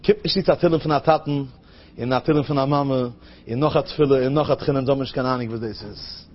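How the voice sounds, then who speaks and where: Husky guy giving a sermon, lively storyteller, muffled lo-fi sound. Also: fast talker. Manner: storytelling, acting out a child's high, crying voice. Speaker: rabbi giving a talk. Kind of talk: Yiddish-flavored sermon. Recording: dull lo-fi recording.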